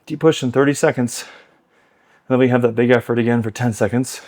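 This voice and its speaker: A man's voice: medium pitch, fairly even intonation, brisk, a little mellow. A man in his thirties talking casually while riding an exercise bike at home, out of breath and chatting loosely between workout cues. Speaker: workout host. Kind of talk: casual coaching while cycling.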